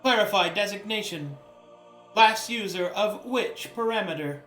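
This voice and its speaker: A man's voice: high-pitched, expressive, unhurried, sharp tone, roomy sound, soft background music, heavily acted, low-quality recording. A man voicing Sacriel, a clipped computer intelligence. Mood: monotone. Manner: clipped robotic status reports, computer processing. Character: emotionless machine intelligence answering queries. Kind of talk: game master voicing a computer in a tabletop game.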